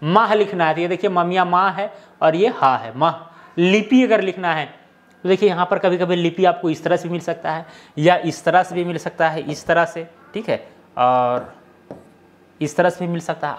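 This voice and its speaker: A man explaining a script lesson step by step, often checking in with the viewer. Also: fairly high pitch. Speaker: teacher.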